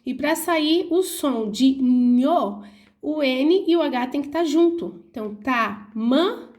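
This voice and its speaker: With a high, animated, slightly mellow voice and a Brazilian Portuguese accent, a young adult woman teacher explains workbook answers to her pupils. Her delivery is slow, clear and instructive, and she spells out syllables as she reads.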